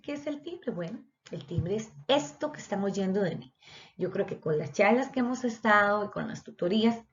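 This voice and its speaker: A woman's voice: mid-range voice, darkish tone. Woman, teacher, explanatory, talks to students, dull lo-fi sound. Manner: explanatory, addresses students directly. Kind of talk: online voice lesson. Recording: dull lo-fi recording.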